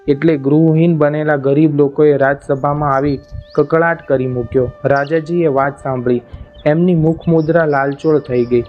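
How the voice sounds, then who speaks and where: A man narrating a folk tale as a storyteller, in a measured, dramatic reading. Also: fairly high pitch. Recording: dull lo-fi audio, faint music.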